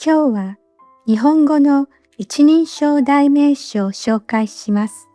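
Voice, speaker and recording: A woman teacher giving a scripted lesson, speaking slowly and carefully with clearly spaced phrases, recorded as a voice-over. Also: high voice, warm tone, no room sound, faint music behind. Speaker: Japanese teacher.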